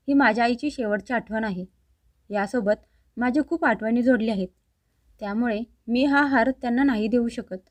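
A woman's voice: fairly high pitch, a little mellow, no room sound. A woman reading a family drama story aloud as scripted narration, speaking every character's lines in her own voice.

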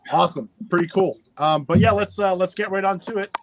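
A man's voice: sits high, fairly quick, noisy background. A man hosting a live stream giveaway in a casual, chatty and upbeat way, talking into a phone. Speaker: livestream giveaway host.

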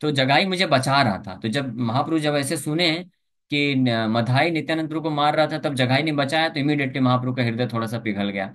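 A man's voice: medium pitch, a little fast, a bit bright. A man giving a Hindi scripture lecture, telling a story and acting out its characters' lines with a lifted voice. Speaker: preacher.

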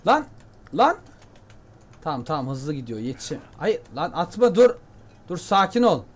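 A young man giving chatty, jokey commentary while playing a game, often shouting at it. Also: fairly high pitch, sing-song, a little fast. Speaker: gameplay commentator. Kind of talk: casual let's-play commentary.

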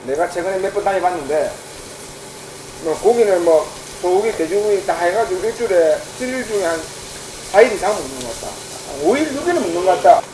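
A man's voice: high voice, animated, a little fast, background noise. A man asking questions in a casual chat over a meal. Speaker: interviewer. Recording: echoey room, loud food sizzle.

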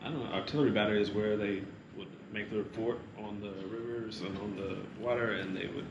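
A man's voice: on the low side, brisk, dull audio. A man chatting casually on a family travel vlog, reading facts aloud and joking with a child. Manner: joking, playful, teasing a child. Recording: echoey room with steady background noise.

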